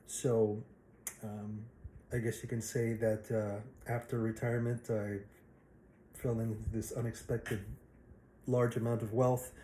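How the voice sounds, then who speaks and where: A man in his forties from the Philippines introducing himself to a class in a casual, halting way with many fillers. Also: medium pitch, mellow, echoey room, slight background noise, rough recording. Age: 40s.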